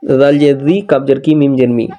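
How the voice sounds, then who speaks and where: Man, Bangladeshi Bengali accent, recitation teacher, patient, repetitive, mellow timbre. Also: medium pitch, steady tone, brisk, highs cut off. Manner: patient, repeats each syllable and corrects mistakes. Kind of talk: slow teaching, spelling out letters and syllables.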